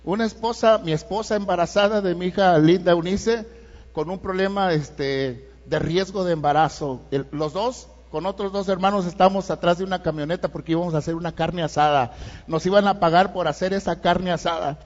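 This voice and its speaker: A middle-aged man with a Mexican accent delivers a sermon in a conversational way, checking in with his listeners as he goes. His voice sits high for a man. The sound is muffled and dull, and it trails off in the long reverb of a big church hall. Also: a little fast. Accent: Mexican Spanish. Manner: conversational preaching with frequent "¿verdad?" asides. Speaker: pastor.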